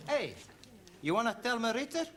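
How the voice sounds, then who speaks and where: A man's voice: very high-pitched, big pitch swings, normal speed, fairly bright tone, exaggerated voice. An actor playing a cheerful male Italian student with an Italian accent who mangles English idioms in a 1970s sitcom. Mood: cheery. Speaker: adult student at a pub. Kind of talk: 1970s studio sitcom acting.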